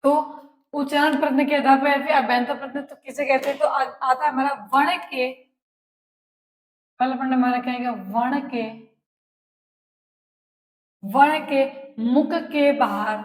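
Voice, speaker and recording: High-voiced woman teacher dictating slowly. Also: steady tone. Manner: slow, repeats each phrase for dictation, asks and answers her own questions. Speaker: Hindi teacher. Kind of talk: classroom lesson, dictating notes. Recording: echoey room.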